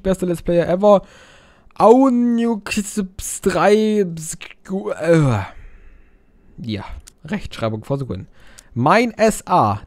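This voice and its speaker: A young man plays a game and chats over it, crude and joking, reading out viewer messages in silly voices. His voice sits a bit high and swings widely up and down. The sound is dry and close. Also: darkish tone, dry recording. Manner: crude, joking, swears a lot; reads chat messages aloud in silly voices. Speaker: let's player. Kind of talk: casual game commentary reading viewer chat.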